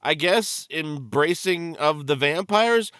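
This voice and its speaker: A man with a high, bright voice rants through a video game in a crude, sarcastic way, full of profanity and exasperation. His pitch swings widely as he complains. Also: lively intonation, slow, smooth, dry recording, studio quality. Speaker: game streamer, let's play host. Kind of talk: ranting game commentary with mocking voices.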